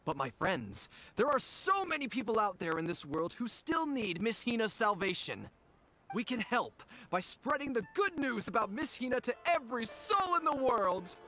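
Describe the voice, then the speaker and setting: A zealous fan-club leader from a video game who preaches like a sermon, fervent and rousing. Her voice sits fairly high and swings widely in pitch. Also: big pitch swings, moderate pace, fairly bright tone, poor audio. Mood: preaching.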